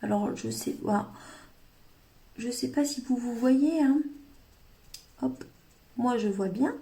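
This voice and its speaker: A woman's voice: a little high, slow, creaky, dark tone. Chatty French woman demoing crafts live. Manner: chatty, hesitant, many fillers and restarts; talks to live viewers by name. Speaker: craft demonstrator. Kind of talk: live paper-craft tutorial. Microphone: livestream webcam or phone.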